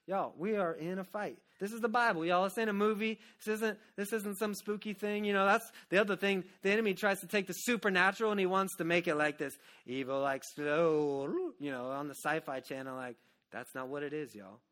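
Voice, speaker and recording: A male pastor preaching a sermon, saying y'all often and swinging between loud emphasis and hushed lines. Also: sits high, a little fast. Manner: folksy, says y'all often.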